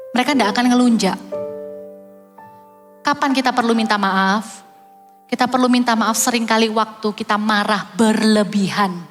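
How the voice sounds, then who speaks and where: Seorang pendeta wanita berlogat Jawa Timur berkhotbah dengan hidup dan jenaka untuk orang tua dan anak-anak, sering memperagakan ucapan dan menyelipkan frasa Inggris. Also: female voice, fairly high pitch. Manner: playful, acts out quotes of parents and kids, mixes English phrases. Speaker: pastor. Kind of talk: animated sermon to parents and children. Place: large church hall. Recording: reverberant hall, faint music.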